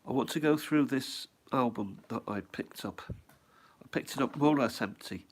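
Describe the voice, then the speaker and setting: A middle-aged man with a head cold chats casually at home, showing off his stamp album. His medium-pitched voice moves at normal speed with slight background noise as he rambles, muses aloud, and asks himself questions.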